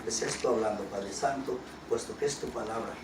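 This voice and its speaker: A man preaching a sermon. He reads scripture slowly and then explains it with questions to the congregation. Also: mid-range voice, echoey room, recorded from a distance, very noisy. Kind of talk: sermon with Bible reading.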